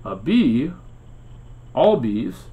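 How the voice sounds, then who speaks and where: A man's voice: mid-range voice, very animated, drawn-out words, mellow, highs cut off. A man hosting a playful educational explainer, asking dramatic questions and chuckling often, with hesitant fillers. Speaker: host. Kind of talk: educational explainer about insects.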